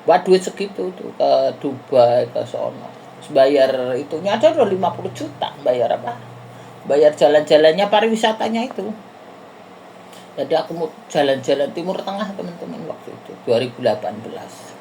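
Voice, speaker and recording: A woman's voice: sits low, animated, normal speed, gravelly, warm tone, a little hiss or hum. A middle-aged woman from Indonesia, casually telling her viewers a rambling travel story and often calling them friends. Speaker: vlogger.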